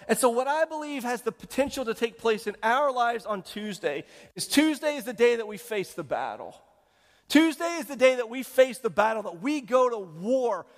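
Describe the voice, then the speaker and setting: A man's voice: extremely high pitch, big-room sound. A male pastor preaching a conversational sermon and asking the congregation questions. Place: church sanctuary.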